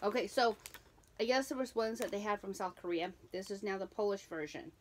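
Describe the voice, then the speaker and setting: A young woman hosting a casual snack taste-test vlog, reading the package descriptions aloud in a halting way. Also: mid-range voice, slight background noise. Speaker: vlogger.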